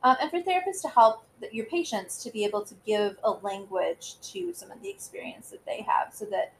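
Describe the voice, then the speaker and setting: A woman's voice: a little high, sing-song, brisk, a little hiss or hum, low-quality recording. A woman in her thirties co-hosting a podcast in casual chat, rambling with lots of fillers and giggles. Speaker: podcast co-host.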